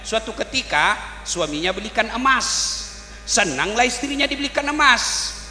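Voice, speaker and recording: A man giving a humorous sermon, lively and asking the crowd questions. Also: very high voice, normal speed. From South Sulawesi. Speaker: Islamic preacher. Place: large hall at a village celebration. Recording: echoey hall with faint mains hum.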